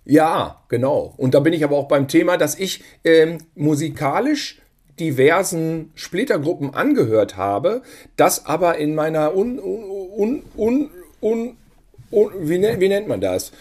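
Husky, self-mocking older brother. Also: male voice, on the high side, sing-song, measured pace, darkish tone. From Germany. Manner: rambling anecdotes with hesitant fillers and self-mocking humor. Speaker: podcast co-host. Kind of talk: casual chat.

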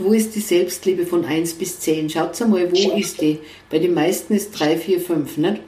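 Woman guest, earnest storyteller, dark mellow tone, recorded a bit off-mic in a roomy space. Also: on the low side. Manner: earnest, storytelling, quoting others. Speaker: guest, author and coach. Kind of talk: conversational interview. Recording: roomy, somewhat distant mic.

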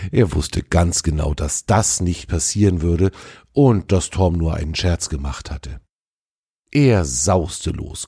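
A man's voice: sits low, dark tone, husky, no room sound, studio quality. A man narrating a children's story in a storytelling manner.

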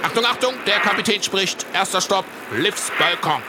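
A performer voices a cheerful cartoon pilot who calls out plane cabin announcements in a playful, bossy, mock-formal way, as in a children's audio play. The voice sits at a middling height, neither notably high nor low. A clear layer of noise runs beneath it. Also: animated, normal speed, lightly acted. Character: cheerful pilot character making captain's announcements to the crew.

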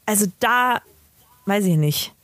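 A young woman chats casually and laughs often. Her voice sits at a middling pitch. It is recorded dry, with no room sound. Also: expressive, takes it slowly, a bit bright, dry recording. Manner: chatty, laughs easily. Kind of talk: casual chat.

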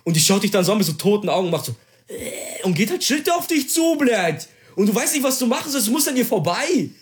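Young man telling a story, excited and swearing. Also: high voice, a little fast. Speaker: storyteller in casual chat. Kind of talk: casual chat.

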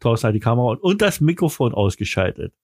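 A man with a German accent hosting a podcast in casual, teasing, excitable banter. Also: medium pitch, quick pace. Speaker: podcast host.

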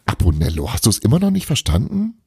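A man's voice: fairly low pitch, wildly swooping pitch, quick pace, creaky, a little mellow, husky, dry recording, clean studio sound, pitched above the performer's own voice, full character voice. A man reading a storybook aloud, voicing a cheeky girl who insists on her wild tales in a playful, teasing manner. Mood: insistent.

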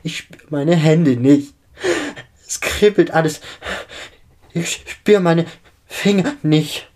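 A man's voice: mid-range voice, unhurried, a little mellow, natural voice. A man voicing a distraught young schoolgirl who sniffles, stutters and panics in a storybook reading. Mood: panicked.

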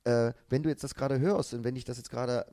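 Emphatic middle-aged German comedian. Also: male voice, medium pitch, steady tone, quick pace, warm tone. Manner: emphatic, encouraging, talks at length. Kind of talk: casual podcast chat.

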